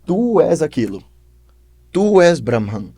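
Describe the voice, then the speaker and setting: A man with a Brazilian accent voicing a patient older spiritual master who teaches in a measured tone. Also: a little high, big pitch swings, dark tone, slightly rough, dry recording, voice pushed up, exaggerated voice.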